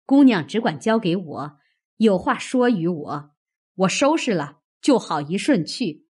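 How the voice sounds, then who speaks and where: A woman's voice: medium pitch, sing-song, unhurried, a little mellow, slightly rough, pitched below the performer's own voice. A woman voicing an old female servant who is obliging and careful in a storybook reading. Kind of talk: audiobook character reading.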